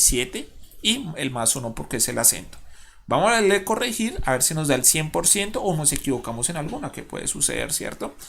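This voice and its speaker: A man's voice: a little high, vocal fry, a bit bright. A male schoolteacher with a Colombian accent, recording an online lesson for his pupils. He talks patiently, asks the class questions and counts syllables aloud. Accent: Colombian Spanish.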